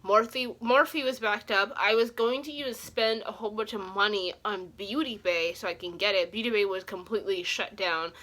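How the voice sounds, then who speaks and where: A young woman with a very bright, forward voice chats informally to her viewers. Her speech is slightly awkward from a swollen, sore cheek, as if she just had dental work. She rambles along in a casual beauty-vlog style. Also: mid-range voice, normal speed, hardly any pauses. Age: young adult. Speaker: beauty vlogger. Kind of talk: casual chat to camera.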